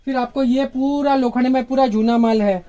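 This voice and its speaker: A man in his thirties, a shop owner, rattling off his stock and prices in a casual sales pitch inside a cluttered warehouse. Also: fairly even intonation, mellow. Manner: brisk, repetitive listing of wares. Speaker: gym equipment shop owner.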